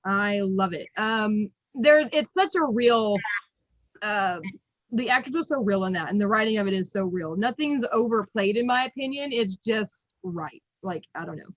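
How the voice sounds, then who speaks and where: Giggly, bright-voiced woman in her thirties. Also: mid-range voice, expressive, normal speed, no echo. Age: 30s. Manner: giggly, laughs often between thoughts. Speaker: guest collector. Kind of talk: casual interview chat. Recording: muffled, dry.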